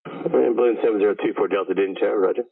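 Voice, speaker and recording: This tower controller, a man, delivers routine procedural instructions to air traffic by radio, speaking very fast. His voice is on the low side, gravelly, with a breathy edge, and the transmission sounds tinny and phone-like.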